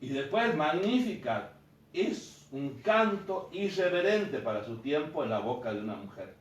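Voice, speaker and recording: A priest, giving an informal teaching talk to a group and telling stories with quoted dialogue. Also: male voice, on the high side, expressive, a little slow, slight background noise. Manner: storytelling, acting out quoted dialogue. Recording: echoey room, mic far off.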